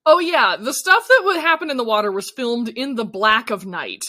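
A woman's voice: on the high side, lively intonation, moderate pace, sharp tone. A woman co-hosting a casual podcast, animatedly recapping a TV episode and acting out characters' lines. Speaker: podcast co-host recapping a TV show. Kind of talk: casual chat.

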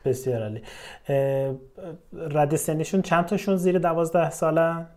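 Podcast host guy, mellow dark voice, asks polite questions with some uhs. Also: on the high side, fairly even intonation. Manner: polite, measured questioning with fillers. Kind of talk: interview questions.

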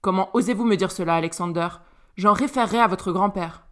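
A woman's voice: medium pitch, a little fast, a bit bright, natural voice. Woman doing a furious duke, aristocratic father, cold scolding, storybook reading. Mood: stern. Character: stern angry aristocratic male duke, father.

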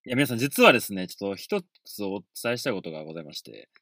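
A man with a Kansai accent chats on a casual podcast, his voice bright and lively as he rushes through a funny story, laughing often. The sound is dry and close, recorded from inside a parked car. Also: lowish voice, no echo, faint music behind. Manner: quick, animated storytelling with frequent laughter. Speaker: podcast co-host. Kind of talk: casual chat.

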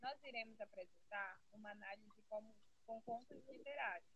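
A woman's voice: mid-range voice, moderate pace, a bit bright, muffled recording. Young woman over noisy call audio. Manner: formal, announcing. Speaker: student presenter. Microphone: computer or phone mic on a call, too quiet.

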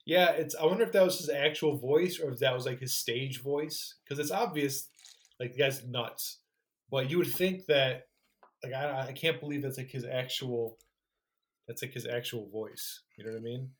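A man's voice: mid-range voice, moderate pace. A man co-hosting a podcast in casual chat, recapping a story animatedly and swearing now and then.

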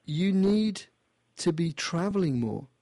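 A man hosting a call-in radio show who gives a caller a playful, animated past-life reading, often repeating and restarting his phrases. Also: high voice, slow, no room sound.

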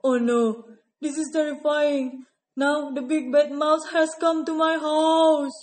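A woman's voice: sits high, fairly even intonation, darkish tone. Woman voicing a nervous, cautious elephant. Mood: alarmed. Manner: anxious, hurried. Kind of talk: storybook character voice.

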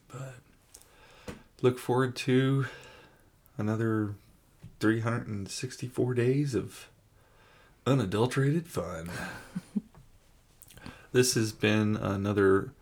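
Sneezing and coughing through a runny nose, this podcast co-host still jokes and laughs on a laid-back home show. His medium-pitched voice has a darkish tone and a slow pace with long pauses, over a little hiss or hum.

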